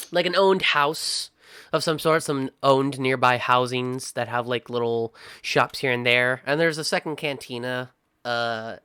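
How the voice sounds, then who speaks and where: A man's voice: medium pitch, pushed and bright, clear, resonant tone, no room sound, studio quality. A young man narrating as game master of a tabletop game, talking casually with many fillers.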